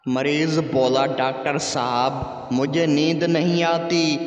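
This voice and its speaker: A man reading a string of short jokes aloud in a slow, even delivery. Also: on the high side, noisy background. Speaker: joke reader. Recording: echoey long reverb, dull lo-fi.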